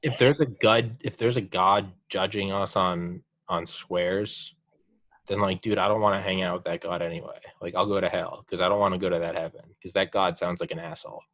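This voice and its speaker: Fast-swearing podcast host, low dry voice. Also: male voice, no echo. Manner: swears freely, encouraging, animated storytelling. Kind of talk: casual chat.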